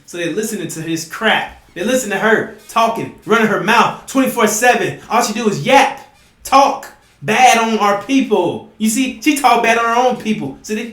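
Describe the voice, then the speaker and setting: A man preaching emphatically to his listeners, often asking "you see?" and sometimes rising to a shout. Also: sits high, roomy sound. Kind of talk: impassioned preaching monologue.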